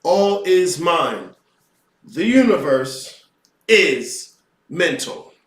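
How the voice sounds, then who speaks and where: A man hosting a podcast, lecturing in an impassioned, profane monologue that swings between quiet asides and loud, emphatic outbursts. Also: fairly high pitch, big pitch swings, drawn-out words, roomy sound, distant mic, a little hiss or hum. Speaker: podcast host lecturing on occult philosophy.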